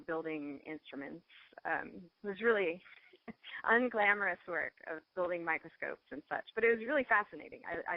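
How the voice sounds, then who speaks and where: A woman's voice: sits low, no echo. Woman, over the phone, chatty, laughs a lot, muffled dry line. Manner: chatty, laughs often, restarts sentences. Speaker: guest cosmetics maker and scientist. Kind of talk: phone interview.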